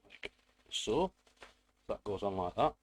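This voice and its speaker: Low-pitched British man, rambling build tutorial. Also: sing-song, slow, husky, no echo. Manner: rambling, self-deprecating, playful asides. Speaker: hobbyist presenter. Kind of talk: casual hands-on build tutorial.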